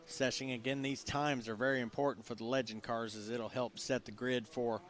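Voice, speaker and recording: A man co-hosting live race commentary, relaxed and chatty. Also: medium pitch, normal speed.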